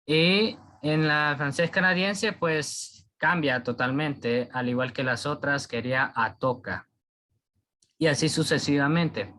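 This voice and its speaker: A man giving an informal class presentation, often pausing and searching for words mid-sentence. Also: on the high side, bright, forceful tone. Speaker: presenter explaining a topic.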